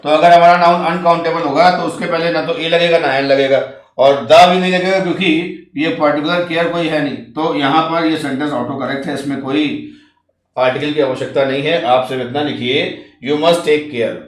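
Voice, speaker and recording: A man teaching English grammar in a coaching class, explaining step by step and reading each example sentence out slowly. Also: fairly high pitch, steady tone, roomy sound. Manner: explains step by step, often checks "ठीक है".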